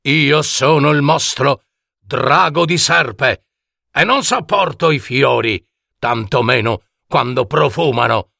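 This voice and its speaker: A man voicing a large male lake monster in a storybook tale, speaking in a slow, booming, heavy way. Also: gravelly, pushed and bright, dry recording, clean studio sound, full character voice. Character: big lake monster, male, gruff warrior turned peaceful.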